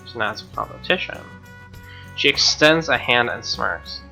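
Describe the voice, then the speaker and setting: Bright-voiced man reading game text. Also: medium pitch, expressive, moderate pace, gravelly, faint music behind, low-quality recording. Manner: wry, joking asides. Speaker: let's player. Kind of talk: reading game narration aloud with asides.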